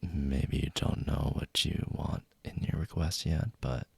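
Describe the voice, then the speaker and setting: Man acting a very deep gravelly bully leading man, whispered role-play. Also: steady tone, dry recording, full character voice. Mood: seductive, commanding. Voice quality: husky, gravelly. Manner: teasing, slow, intimate leading-man delivery.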